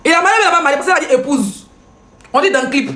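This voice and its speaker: Laughing and mocking, this woman runs a live stream as a blogger, firing quick exchanges with her viewers. She has a high, sharp-toned voice in an echoey room.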